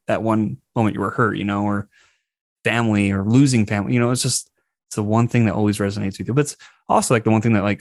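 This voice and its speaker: A man's voice: on the low side, no echo, studio quality. A man hosting a podcast, talking casually in an informal, reflective way. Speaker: podcast host. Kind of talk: casual conversation.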